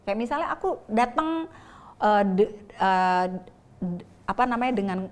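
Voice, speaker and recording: A woman's voice: on the high side, lively intonation, a little slow. A woman guest telling her faith story in a candid, chatty way, laughing between phrases. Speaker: interview guest. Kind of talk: casual faith testimony.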